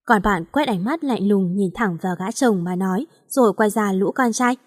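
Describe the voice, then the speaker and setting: A woman reading a first-person story aloud in a lively manner, voicing the characters' lines. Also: medium pitch, normal speed, no echo, studio quality. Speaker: story reader.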